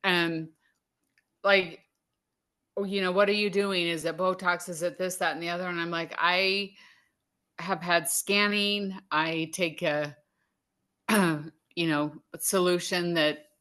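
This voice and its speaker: A woman talks slowly over a video call, stopping often and filling gaps with little hesitations. She sounds emotional, close to tears, as she gives a heartfelt testimonial. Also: lowish voice, steady tone, sharp tone. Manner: slow, halting, full of fillers, tearful. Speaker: caller giving a testimonial.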